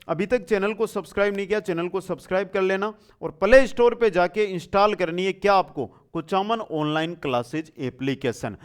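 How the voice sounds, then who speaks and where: The speaker is a male online exam coach whose high-pitched voice has a clean tone. In his quiz-style lesson he asks questions, supplies and repeats the answers, and speaks familiarly to his students.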